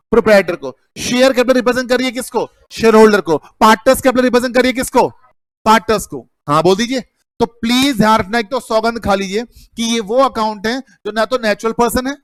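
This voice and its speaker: A man's voice: sits high, dry recording. A middle-aged man teaching an accounting class, calling students "beta" and firing repeated questions at them. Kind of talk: classroom lecture.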